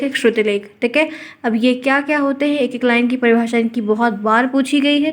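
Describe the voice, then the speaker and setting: A young adult woman teaching an exam-prep class, explaining patiently, repeating key points and mixing in English words. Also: a little high.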